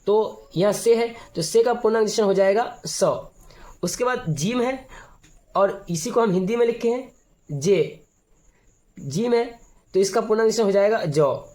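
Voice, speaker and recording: A man teaching the alphabet step by step, patient and repetitive, now and then clearing his throat. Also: high voice, darkish tone.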